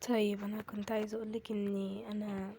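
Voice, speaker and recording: A woman's voice: on the high side, little pitch movement, racing, slight background noise, lightly acted. A woman with an Egyptian Arabic accent voicing a shy, hesitant young woman on a date, in a whispered role-play. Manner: hesitant, soft-spoken. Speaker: voice actor in a game-animated family drama.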